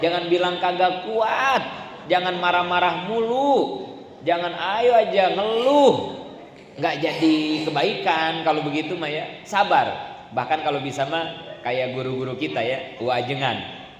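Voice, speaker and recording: A man's voice: on the high side, a little slow. A man preaching at a religious study gathering, speaking colloquially with rhetorical questions and a constant "ya". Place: mosque or prayer hall. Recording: echoey hall, slight room noise.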